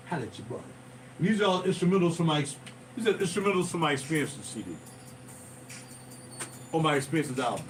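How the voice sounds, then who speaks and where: A Philly man with a fairly high, somewhat bright voice rambles on a livestream where he hosts as a musician. He digresses, loses his thread, and speaks directly to the people watching in this casual storytelling. Music plays behind him, picked up by a far-off mic.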